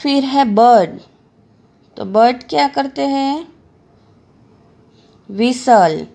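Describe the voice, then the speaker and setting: A woman's voice: on the high side, lively intonation, very slow, creaky, mellow. A woman teacher giving a lesson to young children, spelling words out letter by letter and asking questions she answers herself.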